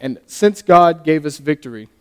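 A young man giving his first sermon as a lay preacher, earnest and halting, often stumbling and restarting his sentences. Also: fairly high pitch, lively intonation, clean tone. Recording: long reverb of a hall.

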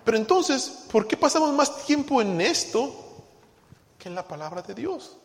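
Male pastor, high voice, long church reverb, call-and-response preaching. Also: very animated, normal speed, a little hiss or hum. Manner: call-and-response questions to the congregation; swings from hushed to loud emphasis. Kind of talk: sermon. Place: church sanctuary.

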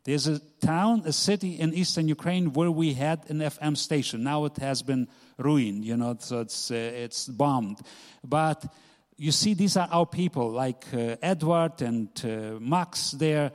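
A man's voice: a little high, measured pace. A middle-aged man giving an informal slide talk about a ministry as its presenter. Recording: long hall reverb.

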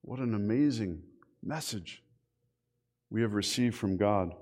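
A middle-aged male pastor gives a sermon in an animated, conversational way. He tells stories and poses rhetorical questions to the congregation. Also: fairly low pitch, measured pace.

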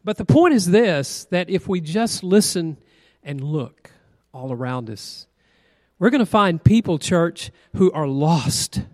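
A man's voice: fairly high pitch, lively intonation, slow pace, a little mellow. A man, a minister leading a church class, telling folksy stories in an earnest, conversational way. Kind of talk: sermon-style storytelling. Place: church hall. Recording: reverberant church hall.

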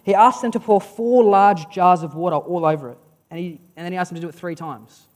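A preacher delivering a sermon, retelling a story with dramatic pauses in a casual, conversational way. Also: mid-range voice, darkish tone. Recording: long reverb of a large hall.

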